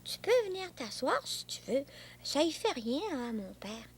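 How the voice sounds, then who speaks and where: Kids' TV boy, chatty and bossy, bouncy high pitch, a woman plays him. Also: very animated, measured pace, heavily acted. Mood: playful. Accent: Québécois French. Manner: bossy, chatty, engine noises. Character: playful young boy with an imaginary friend. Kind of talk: children's TV acting.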